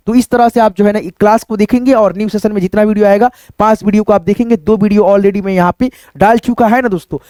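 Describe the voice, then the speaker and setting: A man's voice: high-pitched, a little mellow, no echo, studio quality. A male teacher giving an online phonics lesson, spelling words letter by letter, asking questions and repeating the answers, often turning to viewers with tag questions. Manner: keeps addressing viewers as friends with tag questions. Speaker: English teacher.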